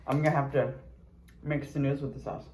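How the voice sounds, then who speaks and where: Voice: medium pitch, flat delivery, quick pace, a little mellow, slight background noise, rough recording. A mukbang vlogger in a casual eating video, chatting between bites with lots of chewing murmurs and candid, sweary remarks.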